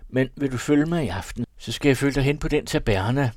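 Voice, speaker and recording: A man voicing an easygoing, sociable young male student who talks in a lively, reassuring way. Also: medium pitch, no echo, studio quality, voice pushed up, close to an everyday voice.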